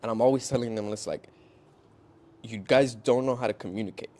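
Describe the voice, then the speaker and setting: A man's voice: mid-range voice, fairly quick, a little mellow. A man co-hosting a podcast in casual chat, candid and swearing freely, slipping Spanish phrases into his English. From Mexican-American family from Durango. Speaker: podcast co-host.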